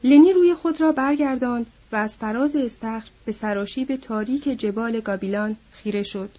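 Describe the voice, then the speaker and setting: A woman reads an audiobook in a measured, somber way. Her voice is mellow and husky and sits a bit high, and the lo-fi recording sounds dull. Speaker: narrator. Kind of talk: audiobook narration.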